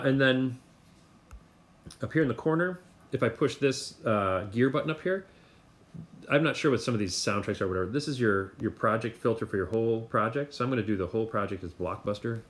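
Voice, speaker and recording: A man's voice: fairly low pitch, gravelly, slight background noise. A man walking through an app step by step in a casual tutorial, thinking aloud with plenty of fillers. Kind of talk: screen-recorded tutorial walkthrough.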